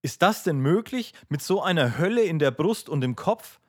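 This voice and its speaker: A man's voice: fairly high pitch, expressive, moderate pace, no echo, studio quality, pitched above the performer's own voice. A man voicing an anxious, devout young man in an audiobook reading, his voice raised and imploring.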